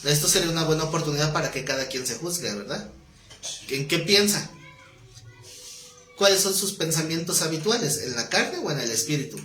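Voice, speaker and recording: A man teaching a Bible study class, keeping it conversational and quizzing his students with quick questions. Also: fairly high pitch, expressive, sharp tone. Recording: roomy echoing classroom.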